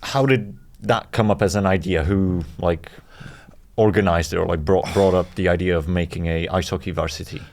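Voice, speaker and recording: Gravelly low-voiced male interviewer. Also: steady tone, normal speed, a little mellow. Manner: short prompts and listening. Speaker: podcast interviewer. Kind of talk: casual interview.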